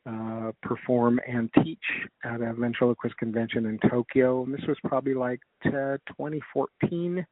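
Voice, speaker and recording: A middle-aged American man chatting casually as an interview guest over the phone, recalling things in a rambling, halting way. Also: mid-range voice, steady tone, no room sound. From United States. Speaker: guest, comedic ventriloquist. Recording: narrow, dull radio-like phone line.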